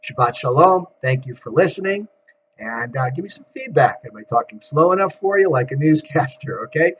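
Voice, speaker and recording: A man's voice: a little high, animated, moderate pace, fairly bright tone. Man, rabbi, casual sermon, rhetorical questions, muffled lo-fi sound, faint hum. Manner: conversational, asks rhetorical questions.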